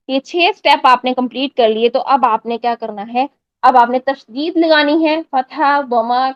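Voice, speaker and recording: A woman's voice: high voice, dry recording, highs cut off. A woman teaching a step-by-step pronunciation lesson, patiently repeating drill sounds and checking that listeners follow. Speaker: Quran recitation teacher.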